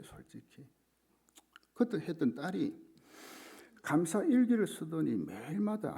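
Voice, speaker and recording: A man's voice: a little high, vocal fry, dark tone, slightly rough. A male pastor preaching a sermon, telling a story dramatically and often dropping to a whisper.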